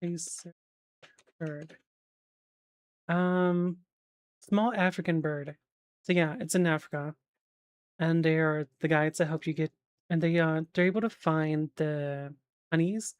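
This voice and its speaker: A woman with a notably low voice chats on a stream, wandering through half-remembered facts with plenty of ums and casual swearing. The sound is dry and close, with no room around it. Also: steady tone, a little slow, clear, resonant tone, no echo. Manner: rambling, filler-heavy, swearing, checks facts aloud.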